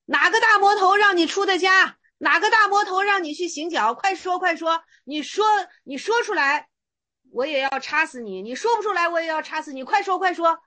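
A woman's voice: very high voice, animated, normal speed, pushed and bright, pitched above the performer's own voice, full character voice. A woman voicing a fierce old male Chan monk who badgers and demands an answer. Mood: fierce, demanding.

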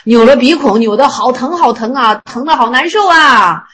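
A woman's voice: high-pitched, expressive, normal speed, a bit bright, husky, exaggerated voice. A woman voicing an earnest young male monk disciple. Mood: complaining.

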